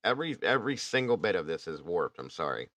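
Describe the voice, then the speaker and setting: A man's voice: sits low, sing-song, quick pace, a bit bright, no echo. A man hosting a casual true crime talk, blunt and indignant, swearing now and then. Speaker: true crime podcast host. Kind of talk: casual chat.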